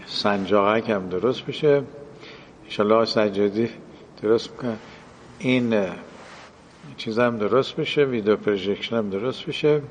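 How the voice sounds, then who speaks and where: A man's voice: fairly low pitch, big-room sound, a little hiss or hum. A man giving a religious lecture in a classroom style, explaining and translating quoted Arabic phrases.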